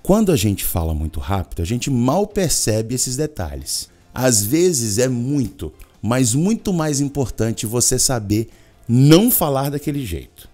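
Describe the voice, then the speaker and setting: A Brazilian man teaching English in an energetic video lesson, with a Brazilian Portuguese accent, repeating words over and over as drills. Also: medium pitch, a little slow, soft background music.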